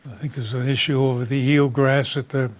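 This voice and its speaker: A man hosting a local talk show, speaking in an unscripted, conversational and somewhat halting way. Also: medium pitch, little pitch movement.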